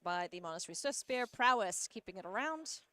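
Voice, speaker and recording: A woman giving live play-by-play commentary on a card game, playful and quick to laugh. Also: medium pitch, lively intonation, pushed and bright, no echo.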